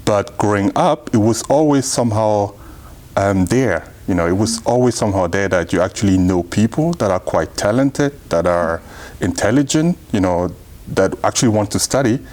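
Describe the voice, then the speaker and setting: A man's voice: lowish voice, darkish tone. A man in his thirties from Cameroon, answering interview questions in an earnest, reflective way and often saying "you know". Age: 30s. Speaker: interview guest, politician. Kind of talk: casual interview talk.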